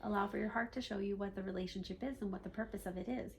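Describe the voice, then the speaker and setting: A woman voicing a calm, authoritative spirit guide as a trance medium, in formal stilted phrasing that often ends on a questioning "yes?". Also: mid-range voice, racing, gravelly, natural voice. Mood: calm, instructive. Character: calm, authoritative male spirit guide teaching human seekers. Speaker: trance channeler. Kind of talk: seance medium channeling a spirit guide, teaching. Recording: faint background noise.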